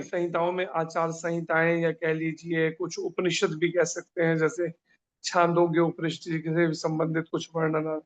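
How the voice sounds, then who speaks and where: A high-voiced man leads a scripture class on a video call, working through each question with everyday examples and short anecdotes. His voice comes through muffled, dull online call audio. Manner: explains with examples and small stories. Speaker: spiritual teacher.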